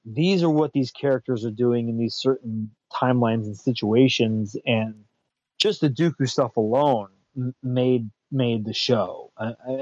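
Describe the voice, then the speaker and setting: On a dull, lo-fi, dry recording with no room sound, a man with a medium-pitched, slightly mellow voice rambles through a casual pop-culture chat. He keeps restarting and repeating words, chuckling along the way.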